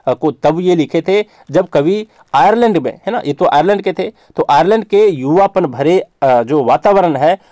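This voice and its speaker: A man's voice: on the high side, lively intonation, unhurried, hardly any pauses, mellow, no echo. A man giving an exam-focused English literature lecture, explaining step by step in a patient, repetitive way. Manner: explains in a patient, repetitive way, drifting between Hindi and English terms.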